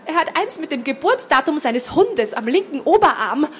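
A woman's voice: high-pitched, sing-song, normal speed, slight background noise, pitched above the performer's own voice. A woman reading aloud, voicing a cheeky teenage girl who teases and mocks her twin sister. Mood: mocking. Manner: teasing, mocking.

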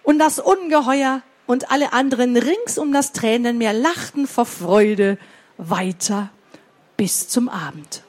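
Slow, high-voiced woman telling children a story. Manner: slow, expressive, asks the children questions. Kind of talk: reading a story aloud to children.

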